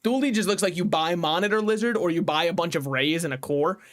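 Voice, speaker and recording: A man's voice: fairly high pitch, fast talker, fairly bright tone. Chatty, cussing game streamer man. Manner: chatty, swears, laughs at himself. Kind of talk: casual game commentary. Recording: faint music behind.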